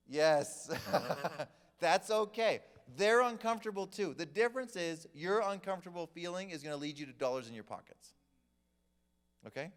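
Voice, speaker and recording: A man's voice: a little high, clean tone. A man teaching a class to a group in a church hall, telling stories with humor and acting out the people in them. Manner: animated storyteller, acts out quoted people. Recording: long hall reverb.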